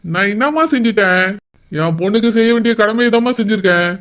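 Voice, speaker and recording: A man voicing a gentle, doting middle-aged father who soothes his daughter in a cartoon. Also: high-pitched, fast. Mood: soothing. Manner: soothing, affectionate. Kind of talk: cartoon voice acting.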